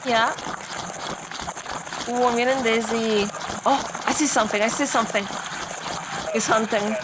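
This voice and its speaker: A woman's voice: fairly high pitch, fairly even intonation, a little slow, heavy background noise. A woman streamer giving casual live reaction commentary in a cute, playful anime-streamer manner.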